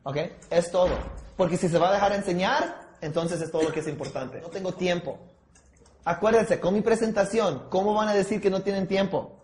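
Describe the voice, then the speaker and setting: In an echoey room, a man runs a sales training session with role-play, acting out objections with listeners, mixing in English words, and often checking they follow. His voice is high-pitched and darkish at normal speed.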